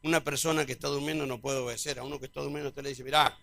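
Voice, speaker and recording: Man preaching, bright ringing tone, dry close sound, call-and-response delivery. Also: medium pitch, steady tone, rapid-fire, creaky, no echo. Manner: call-and-response preaching, big swings in loudness. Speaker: pastor. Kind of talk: sermon.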